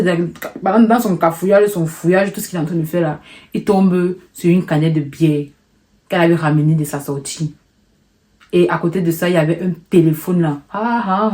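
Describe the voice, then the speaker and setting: A young woman with a slightly low voice tells a personal story in a casual storytime vlog. She talks in an animated, emotional way and repeats words to build tension.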